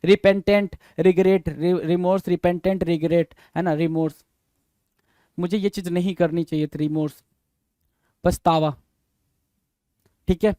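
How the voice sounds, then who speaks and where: A man teaching an exam-prep vocabulary lesson, who reads definitions slowly, then explains in quick asides and spells words letter by letter. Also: sits high, fairly even intonation, warm tone, no room sound. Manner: addresses listeners as "bhai".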